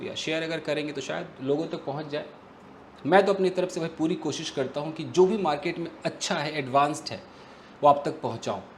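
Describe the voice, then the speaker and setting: A man giving a casual English lesson, explaining with lively emphatic repetition and reading examples slowly. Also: on the high side, slight background noise. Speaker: English teacher.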